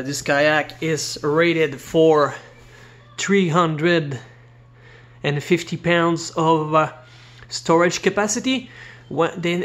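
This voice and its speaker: A kayak reviewer whose first language isn't English stands indoors beside a kayak, holding the camera over it as he casually walks viewers through the product. His voice is a little high, and he speaks haltingly with lots of fillers and restarts.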